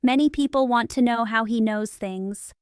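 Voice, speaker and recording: A woman's voice: on the high side, moderate pace, darkish tone, clear, resonant tone, no echo, studio quality, lightly acted. Woman reading a friendly young man in a storybook.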